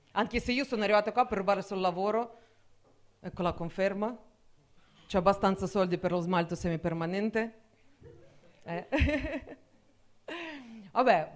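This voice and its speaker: A young woman from Russia with a Russian accent, performing a deadpan, ironic stand-up comedy set in Italian with slight grammar slips. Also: a little high.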